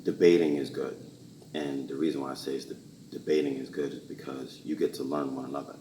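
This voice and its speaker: A man talking in a calm, measured way as a guest on a talk show, with a deep baritone voice. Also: recorded from a distance, a little hiss or hum. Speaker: guest actor. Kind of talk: casual interview chat. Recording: roomy and off-mic.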